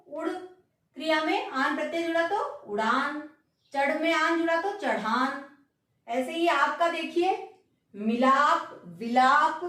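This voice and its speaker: A woman's voice: high voice, fairly bright tone. A woman teaching grammar, patiently repeating examples and asking rhetorical questions. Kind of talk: slow classroom explanation. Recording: very echoey room, distant mic.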